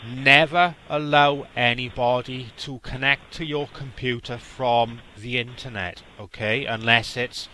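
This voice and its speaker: A man's voice: medium pitch, fairly even intonation, measured pace, hardly any pauses, pushed and bright, a little hiss or hum. A man from South Wales with a Welsh accent, a scambaiter earnestly giving advice over a phone call, often stammering as he restarts. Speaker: scambaiter host.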